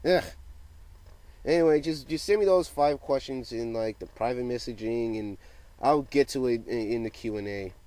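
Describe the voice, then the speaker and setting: A man's voice: medium pitch, normal speed, poor audio. Stammering, rambling young man vlogging. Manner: stammering, rambling, sweary, bursts into loud excited outbursts. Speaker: YouTuber giving a channel update. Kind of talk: casual vlog chat.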